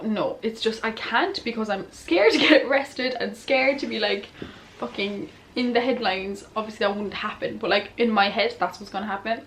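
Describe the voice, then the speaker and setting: A young woman answering follower questions in a casual, candid, giggly and tipsy chat. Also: mid-range voice. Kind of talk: casual chatty Q&A to camera.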